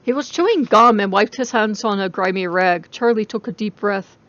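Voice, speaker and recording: Lady reading a story out dramatically, normal pitch, kinda dull lo-fi audio. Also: normal speed, fairly bright tone, no room sound. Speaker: narrator.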